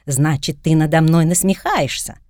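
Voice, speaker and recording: A woman's voice: sits low, normal speed, no echo, studio quality, close to an everyday voice. A woman voicing a witty, mischievous young woman in an audiobook. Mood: playful. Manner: lively, wry, chatting to her cat.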